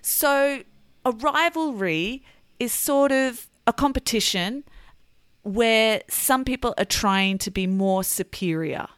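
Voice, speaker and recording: A woman's voice: mid-range voice, a bit bright, clear, resonant tone, dry recording, studio quality. A woman with an Australian accent, hosting a podcast and explaining words carefully as an English teacher. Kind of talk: slow, clear teaching monologue.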